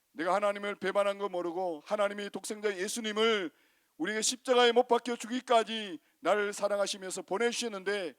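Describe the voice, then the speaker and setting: A male pastor preaching a Sunday sermon, dramatic and animated, often asking the congregation questions. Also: sits high, clear, resonant tone.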